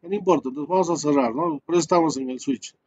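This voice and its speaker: A man's voice: a little high, quick pace, a little mellow, lo-fi sound. A male networking instructor walking students through a switch lab step by step, full of fillers and tag questions. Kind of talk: live screen-share class.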